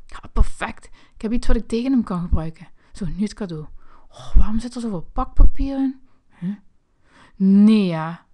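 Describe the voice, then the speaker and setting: A woman voicing a curious, mischievous young boy in a toy figure play video, excitable and whining. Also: mid-range voice, normal speed, natural voice.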